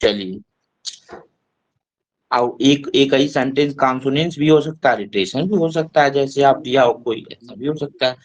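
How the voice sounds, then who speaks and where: A man teaching an online English class in Hindi, explaining terms step by step and reading English lines slowly. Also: mid-range voice, highs cut off. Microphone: online class mic.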